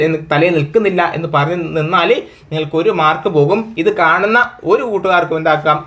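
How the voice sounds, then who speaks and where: Male tutor, Malayali accent, higher-pitched, drills answers by slow repetition. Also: fairly bright tone. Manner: drills words by slow repetition, keeps asking "okay?". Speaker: exam coaching teacher. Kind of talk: exam prep lesson, repeating answers.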